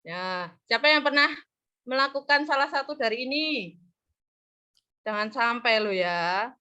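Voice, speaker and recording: A woman's voice: fairly high pitch, lively intonation, a little slow, pushed and bright, smooth. A woman teaching a practice classroom lesson, coaxing and praising, often trailing off mid-word so the class can finish it. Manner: leaves words half-said for the class to finish. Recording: muffled lo-fi recording.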